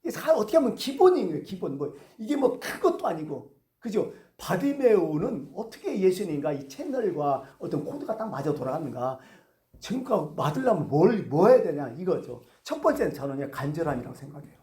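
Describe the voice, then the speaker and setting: A man's voice: a little high, sing-song, a little fast, warm tone. A male pastor giving a conversational sermon, asking the congregation questions as he goes. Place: church sanctuary. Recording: echoey church hall.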